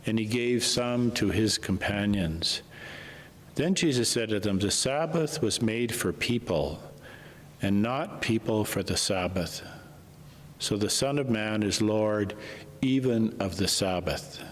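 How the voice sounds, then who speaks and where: Priest in long cathedral-like reverb. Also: male voice, lowish voice, slight background noise. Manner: slow, measured, unhurried delivery. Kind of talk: gospel reading and homily at Mass.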